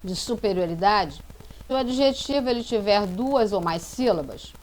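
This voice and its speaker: A woman's voice: mid-range voice, animated, normal speed, a little mellow, slight background noise. A woman teaching English grammar to students, explaining each rule step by step, spelling out letters and repeating every example sentence. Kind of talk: slow classroom explanation.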